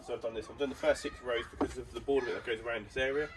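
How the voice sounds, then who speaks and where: A DIY vlogger gives a casual building update on his garden, recording outdoors on a phone camera and chattily explaining each step. He sounds congested with a stuffy nose, talking rapid-fire in a mid-range voice with fairly even intonation. Background noise is present.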